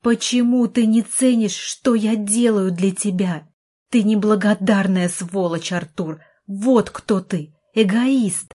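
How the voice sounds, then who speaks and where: A woman reading an audiobook, voicing a young woman who shouts and pleads with her brother. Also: medium pitch, slow, breathy edge. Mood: shouting. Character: furious desperate young woman, doctor's sister.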